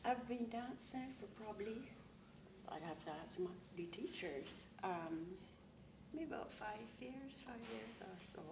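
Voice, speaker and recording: A retired woman in her sixties from Barbados, a quadrille dancer answering interview questions slowly and thoughtfully. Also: medium pitch, animated, creaky. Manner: slow, thoughtful, searching for words. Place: small studio with plain backdrop. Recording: roomy and distant, with audible hiss.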